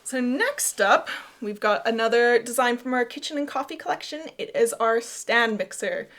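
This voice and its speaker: A woman's voice: medium pitch, fairly bright tone. A woman co-hosting a podcast, explaining things in a casual, chatty way. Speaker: podcast co-host and designer.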